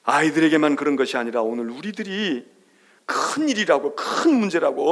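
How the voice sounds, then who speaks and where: A middle-aged male pastor preaching a sermon, swinging between loud calls and hushed whispers and acting out soothing quoted voices. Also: fairly high pitch. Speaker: senior pastor.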